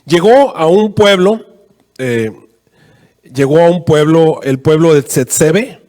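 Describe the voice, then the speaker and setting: A man preaching a sermon as a pastor, telling a story with animated quoted voices and frequent fillers. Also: takes it slowly. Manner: animated, rising to high pitch in quoted prayers, many fillers "este". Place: church. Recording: long reverb in a church hall.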